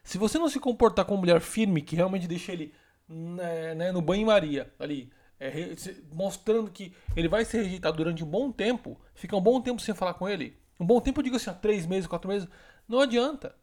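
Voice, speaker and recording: Fast, high-voiced advice host. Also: male voice. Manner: emphatic, quick, lecturing, acts out example phrases softly. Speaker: relationship coach podcaster. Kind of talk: advice podcast monologue.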